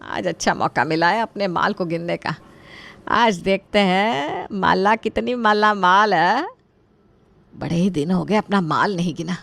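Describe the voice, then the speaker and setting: A woman's voice: fairly low pitch, unhurried, vocal fry, a bit bright. A woman voicing a scheming, stingy middle-aged mother-in-law who stammers when flustered.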